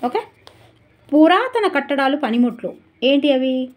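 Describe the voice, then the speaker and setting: High-voiced woman teacher, brisk and chatty. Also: lively intonation. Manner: brisk and chatty, asides to viewers. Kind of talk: exam revision lesson.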